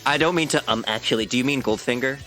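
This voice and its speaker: A man's voice: mid-range voice, quick pace, a bit bright, soft background music. A man guesting on a podcast, chatting eagerly and laughing at his own nerdy knowledge. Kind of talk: casual chat.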